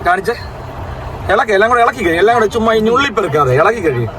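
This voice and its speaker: Fast excitable vlogger man mixing English. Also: high voice. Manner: excitable, repeats words in quick bursts. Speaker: family vlogger, host. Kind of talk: casual vlog chat to camera. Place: in and beside a parked car in rain. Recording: noisy outdoor and in-car phone recording. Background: vehicle and urban outdoor noise.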